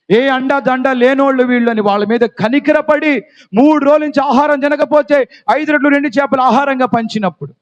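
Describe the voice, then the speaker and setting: A man preaching a sermon, fervently calling on his congregation to respond. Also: very high voice. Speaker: pastor. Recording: dull lo-fi sound.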